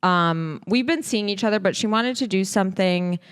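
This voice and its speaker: A woman's voice: mid-range voice, moderate pace, clear, resonant tone. A woman co-hosting a podcast in casual chat, telling stories loosely with lots of fillers. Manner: chatty, loose storytelling with many fillers. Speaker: podcast co-host.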